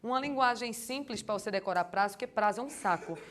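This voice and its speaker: A young adult woman, lecturing on law for exam prep in a lively, colloquial way and asking the class rhetorical questions. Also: medium pitch, quick pace. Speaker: law course teacher.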